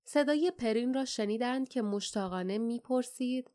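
A woman narrates an audiobook in a fairly high voice. Her reading is measured and expressive, with steady storytelling pacing. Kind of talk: scripted narration.

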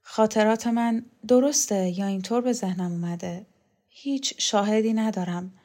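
A woman's voice: medium pitch, fairly even intonation, mellow, close to an everyday voice. A woman reading as a frail, wry old lady. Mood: weary.

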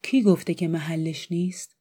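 A woman voicing a rude drunken masked man who mocks and orders people about in a loud, scornful way, in an audiobook reading. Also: fairly low pitch, fairly even intonation, close to an everyday voice.

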